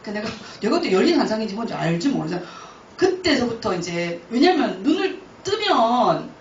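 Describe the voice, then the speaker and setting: A woman missionary tells her faith story with a high voice that rises and falls a lot, often laughing as she speaks. The sound is dull and comes from some distance in an echoey church hall. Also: sing-song, brisk, slight background noise. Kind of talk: testimony talk.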